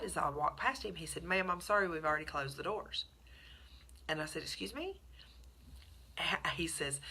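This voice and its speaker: A middle-aged woman, telling a story in a chatty, animated vlog to her viewers. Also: deep voice, breathy edge. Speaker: vlogger. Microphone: phone camera.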